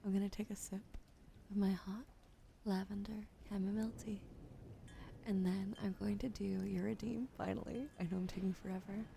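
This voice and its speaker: A woman runs an ASMR livestream, chatting casually with viewers in a soft, gentle voice that frequently slips into breathy whispers, recorded close on a sensitive mic. Her pitch is medium and fairly flat, her pace moderate, with slight background noise.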